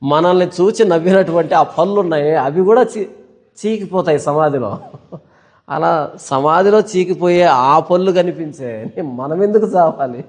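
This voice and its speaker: A man's voice: a little high, measured pace, a little mellow. A male pastor preaching a sermon, emphatic, firing rhetorical questions at the congregation. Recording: long hall reverb.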